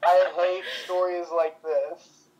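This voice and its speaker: A woman's voice: lowish voice, flat delivery, slow, darkish tone, slight background noise, rough recording. A woman chatting casually with a friend and reading a story aloud, dry and reluctant, easily spooked by scary tales. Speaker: co-host friend.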